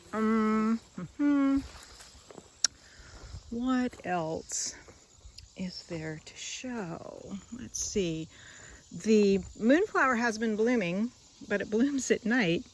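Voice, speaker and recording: Strolling outdoors through her garden, a woman vlogger chats casually and unscripted, showing what is there as she muses, rambles and trails off mid-thought. She speaks in a mid-range voice, against a backdrop of faint crickets and insects.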